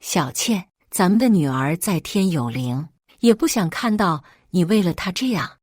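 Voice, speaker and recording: Woman lowering her voice for a gentle husband. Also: expressive, normal speed, husky, dry recording, clean studio sound. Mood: soothing. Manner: soft, coaxing. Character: gentle soothing young husband.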